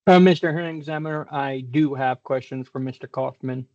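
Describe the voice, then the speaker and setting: A man questioning a witness as technical examiner at a hearing, heard over a video call, careful and hesitant, with many pauses. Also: medium pitch, a little mellow, muffled recording.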